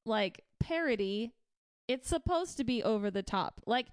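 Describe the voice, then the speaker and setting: A woman's voice: fairly high pitch, lively intonation, unhurried, clean tone, no room sound. Chatty young woman, dry close sound. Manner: chatty, laughs often, many "like" fillers. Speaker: podcast co-host. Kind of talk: casual chat reviewing a TV episode.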